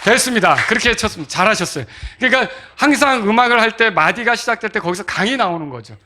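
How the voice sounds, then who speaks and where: A man's voice: high-pitched, animated, quick pace, noisy background. A male pastor giving an interactive sermon lesson on hymn rhythm, asking the congregation questions and sounding out beats. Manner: interactive, asks congregation to clap and answer; sings out beats to demonstrate rhythm.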